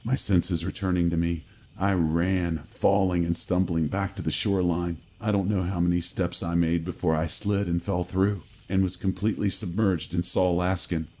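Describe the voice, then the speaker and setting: A man reading a first-person horror story in a slow, grave storytelling manner. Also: low-pitched, little pitch movement, darkish tone, rough recording. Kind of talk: scripted horror narration.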